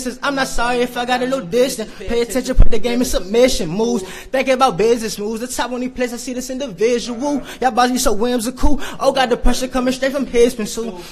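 A young man rapping a steady, punchy verse into a studio mic in a home kitchen. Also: extremely high pitch. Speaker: rapper. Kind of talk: rap verse. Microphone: studio mic on a stand.

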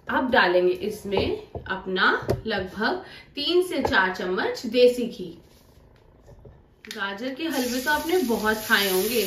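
A woman's voice: a little high, bright, forceful tone, reverberant, a little hiss or hum. Chatty woman teaching home cooking. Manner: chatty, explains each step to viewers. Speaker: cooking channel host. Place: home kitchen.

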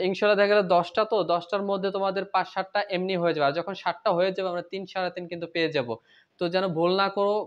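A man teaching an exam-prep lesson, reading pairs of words one by one and checking in with his students. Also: high-pitched. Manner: reads word pairs one by one, coaxing students with "ঠিক আছে?". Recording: slightly dull lo-fi audio.

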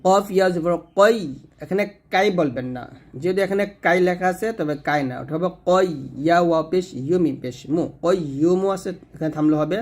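A man from Bangladesh with a slightly high voice gives a patient spoken lesson on correct recitation. He breaks off his explanations to recite phrases slowly, stretching the vowels. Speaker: Quran recitation teacher.

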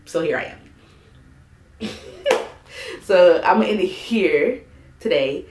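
A young woman vlogging casually to camera as a parenting vlogger, chatty and loose with plenty of "like" and "um", her voice still a little rough from the morning. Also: lowish voice, animated, slow pace, darkish tone. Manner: chatty, loose, full of "like" and "um" fillers. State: a bit of morning voice. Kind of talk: casual vlog chat to camera. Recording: echoey room, faint background noise.

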